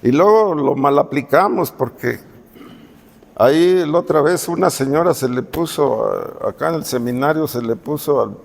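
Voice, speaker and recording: Male pastor, conversational sermon, high-ish voice, church reverb. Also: lively intonation, moderate pace, vocal fry. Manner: conversational preaching, repeatedly addressing "hermano" and asking questions. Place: church hall. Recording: long reverb of a church hall.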